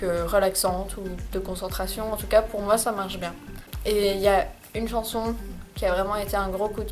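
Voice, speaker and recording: A young woman, chatting casually in a recommendations vlog, hesitant, with many fillers and restarts. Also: mid-range voice. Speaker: vlogger. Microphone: camcorder microphone.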